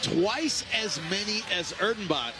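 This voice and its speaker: A man's voice: high voice, animated, a little slow, music in the background. A man hosting live boxing commentary in emphatic, punchy short phrases. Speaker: boxing play-by-play commentator and broadcast host.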